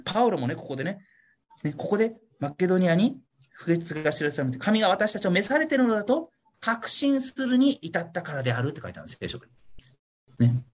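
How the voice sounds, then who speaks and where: Quick-paced, with a high-sitting, sing-song voice and a breathy edge, this man is a pastor leading a Bible study in an online meeting with his congregation. His casual teaching sermon is chatty and playful, peppered with questioning "ne" tags for the listeners and little acted-out voices for examples.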